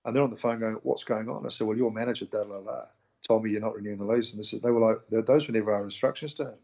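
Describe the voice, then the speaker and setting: This man, a New Zealand-accented interview guest, races through his story in casual conversation, animatedly performing the voices of those he quotes. His voice is gravelly and on the low side, with the highs cut off.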